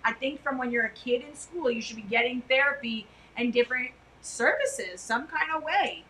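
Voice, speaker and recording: A middle-aged woman co-hosts a casual podcast from a couch, talking loudly and emphatically. Her voice is bright and a touch high. A faint hiss of room noise sits under it. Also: lively intonation, moderate pace, rough recording. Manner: loud, chatty and emphatic. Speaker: podcast co-host. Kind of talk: casual chat.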